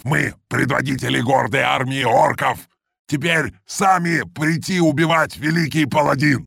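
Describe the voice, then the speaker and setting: Brutish fantasy orc leader, extremely gravelly, forceful, zealous, crude broken speech. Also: male voice, mid-range voice, no room sound, studio quality, exaggerated voice. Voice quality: gravelly, raspy. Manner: broken grammar, loud proclaiming.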